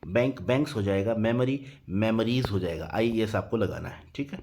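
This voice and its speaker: A man's voice: fairly low pitch, normal speed, darkish tone, a little hiss or hum. A man teaching English grammar in a Hindi lesson. He spells words out letter by letter and keeps checking in with "theek hai" after each point.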